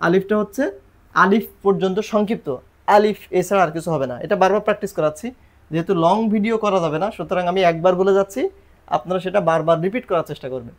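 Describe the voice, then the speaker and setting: High-voiced man teaching the alphabet. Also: quick pace. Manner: patient, repeats letters and drills pronunciation. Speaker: Quran and Arabic alphabet teacher. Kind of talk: recorded lesson for viewers.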